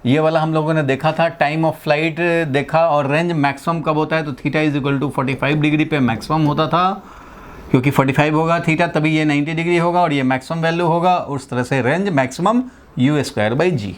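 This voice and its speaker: A man's voice: on the high side, fairly even intonation, normal speed. A man from India giving a physics lesson, explaining step by step, repeating key phrases and checking in with his students. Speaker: physics teacher. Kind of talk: classroom lecture.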